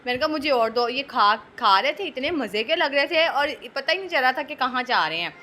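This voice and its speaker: A woman's voice: high-pitched, expressive, fairly quick, sharp tone. A young woman, a mother, chatting casually to her viewers in a rambling family vlog.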